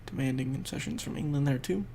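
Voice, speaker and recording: A young man hosting a gaming video talks through a strategy game quickly and casually, explaining his moves as he plays. Though stuffed up and losing his voice, he sounds gravelly and warm in a mid-range register. There's slight background noise.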